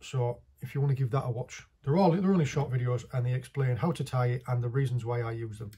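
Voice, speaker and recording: A man's voice: mid-range voice, fast, dark tone, slightly rough. A man, casually talking through a hands-on fishing tutorial while he works, in a small indoor workshop. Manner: chatty, practical, talks while working with his hands.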